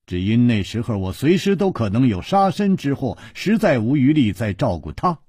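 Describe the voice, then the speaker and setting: A man's voice: medium pitch, sing-song, moderate pace, dark tone, breathy edge, no echo, clean studio sound, pitched above the performer's own voice. A man voicing a thoughtful, weary male hero who sighs as he explains, in a storytelling reading. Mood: earnest, weary. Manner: sighing, earnest.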